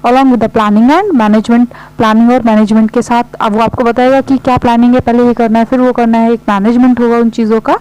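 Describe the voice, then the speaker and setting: A woman teacher, giving an exam-prep lesson. She reads definitions slowly, then explains them quickly. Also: on the high side, little pitch movement, dark tone, clear, resonant tone, low-quality recording.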